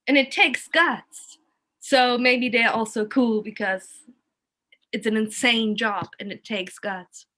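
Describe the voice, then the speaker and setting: A woman with a fairly high, sharp-toned voice takes her time speaking. A native German speaker with a German accent, she talks casually and emphatically in an informal, opinionated way during a lively, animated conversation.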